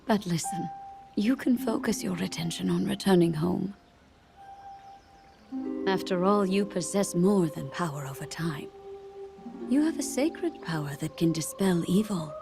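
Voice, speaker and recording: An actress playing a gentle, perceptive, motherly queen in a video game cutscene, speaking softly and reassuringly. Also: fairly low pitch, expressive, measured pace, creaky, pauses often. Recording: orchestral game music behind the voice. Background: music.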